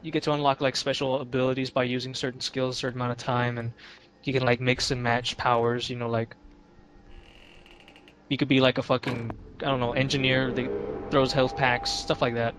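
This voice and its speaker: A man casually chatting while playing a video game, relaxed, with lots of fillers and swearing. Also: medium pitch, fairly quick, slight background noise. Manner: laid-back, swears a lot, many fillers. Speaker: let's play commentator. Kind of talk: casual gaming chat.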